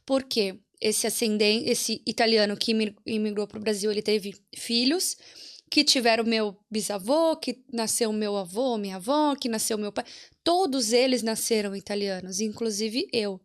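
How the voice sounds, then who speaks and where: A woman's voice: fairly high pitch, moderate pace. A woman with a Brazilian Portuguese accent, a guest consultant patiently explaining a process step by step in an interview.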